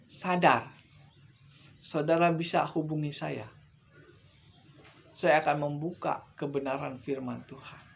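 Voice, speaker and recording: Gravelly blunt male preacher. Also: on the high side, a little hiss or hum. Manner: blunt, emphatic, repetitive. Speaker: evangelist preacher. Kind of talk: sermon.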